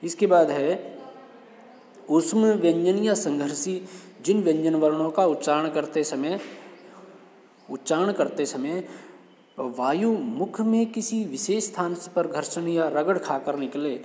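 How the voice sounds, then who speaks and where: Male teacher, slightly high voice, patient and explanatory, recorded in a reverberant room. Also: measured pace, dark tone. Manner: explains patiently, often checks in with students. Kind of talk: explaining a lesson to students. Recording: echoey room with long reverb.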